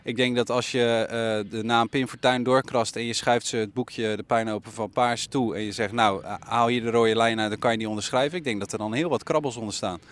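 A man's voice: mid-range voice, steady tone, a little fast, hardly any pauses. A man speaking as an interview guest, reflective, with some filler sounds. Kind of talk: conversational interview.

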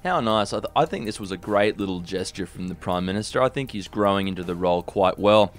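A man's voice: sits low, animated, fast talker. An Australian man co-hosting satirical news with dry, mock-earnest commentary. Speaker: co-host of satirical news show.

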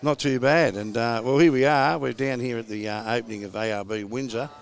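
Laconic Australian man with a creaky drawl. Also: medium pitch, a little fast. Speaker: podcast host. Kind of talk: casual outdoor-lifestyle podcast chat.

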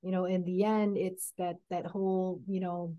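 A woman doctor, a guest in an interview, speaking in a measured, admiring way. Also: on the low side, little pitch movement, lo-fi sound. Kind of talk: interview talk.

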